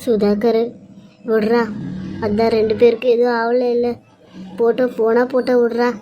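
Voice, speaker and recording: A woman's voice: on the high side, completely flat delivery, normal speed, highs cut off, soft background music, lightly acted. A woman voicing a harsh, scolding middle-aged mother-in-law in a cartoon serial, with a stern, bossy manner. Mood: relieved. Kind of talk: Tamil cartoon serial voice acting.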